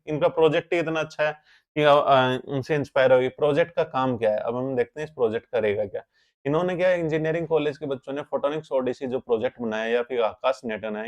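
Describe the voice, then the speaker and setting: A man teaches a current affairs lesson to exam candidates. He works through each point step by step, keeps asking the class questions and then answers them himself. His pitch sits in a middle range. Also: a little mellow. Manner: explains step by step, keeps asking rhetorical questions and checking with "theek hai?".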